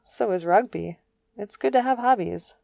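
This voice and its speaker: A woman's voice: mid-range voice, moderate pace, vocal fry, a little mellow, dry recording, studio quality. A woman voicing an easygoing, practical male starship pilot in a storybook reading, plain and good-natured.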